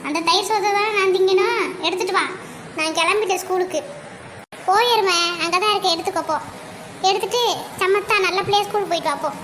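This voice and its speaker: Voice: brisk, long pauses, sharp tone. A performer voicing a fussy, nagging cartoon mother who grumbles at her daughters. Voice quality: very high, thin cartoon voice. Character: fussy mother scolding her daughters, middle-aged woman. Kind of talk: Tamil cartoon comedy dubbing. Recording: audible background noise.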